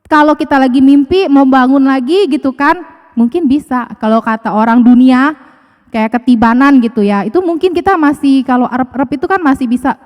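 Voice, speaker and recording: A woman's voice: high-pitched, fairly quick, a little mellow, long reverb tail. A young adult woman with an Indonesian accent giving a casual church devotional that ends in prayer, acting out her own thoughts as she speaks. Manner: conversational, acts out her own inner voice.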